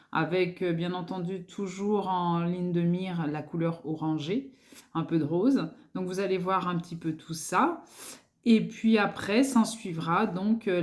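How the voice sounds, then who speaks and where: A woman beauty vlogger chatting casually through her makeup collection, hesitant, with many fillers and repeated words. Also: fairly low pitch.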